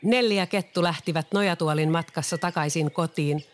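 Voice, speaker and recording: A storyteller calmly narrating a children's story. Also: mid-range voice, noisy background.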